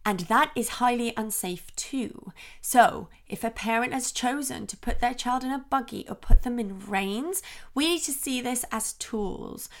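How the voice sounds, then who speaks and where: A woman with a slightly high, gravelly voice talks through parenting advice on her podcast. She explains things calmly and plainly, and slips into the words she would say to her small daughter. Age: adult, parent of a young daughter. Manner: calm, explanatory, acts out what she says to her child. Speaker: parenting podcast host, child development expert.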